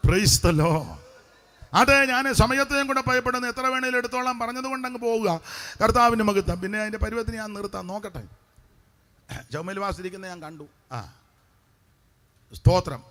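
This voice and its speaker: High-voiced pastor guy preaching at a crusade, fired up then chatty with the crowd. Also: moderate pace, long pauses. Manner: fiery, swings from shouted praise to chatty asides. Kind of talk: revival crusade sermon.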